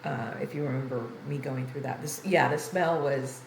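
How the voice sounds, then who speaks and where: With a bass voice, fairly even intonation and normal speed, an older woman livestreams a game and chats ramblingly and casually with her viewers. Congested and tired, she talks from an apartment room where the audio has a roomy echo and faint background noise.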